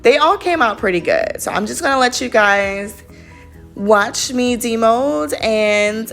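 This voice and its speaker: A woman's voice: a little high, animated, unhurried, creaky, fairly bright tone. Chatty woman. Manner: chatty and rambling, lots of fillers. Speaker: craft vlogger. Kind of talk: casual voice-over narration. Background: faint background music.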